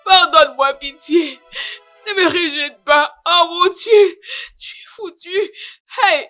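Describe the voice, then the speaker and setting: A woman's voice: high voice, big pitch swings, a little slow, sharp tone, soft background music, heavily acted. A woman voicing a remorseful estranged wife in a French film dub, crying and pleading desperately for forgiveness. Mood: sobbing.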